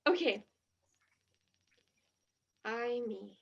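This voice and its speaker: Performing a one-act stage play, a woman plays an eager teenage girl, gushing with dramatic earnestness in a high voice while sounding bashful. Her delivery is animated, very slow, gravelly with a breathy edge, and heavily acted. The audio is slightly muffled and lo-fi.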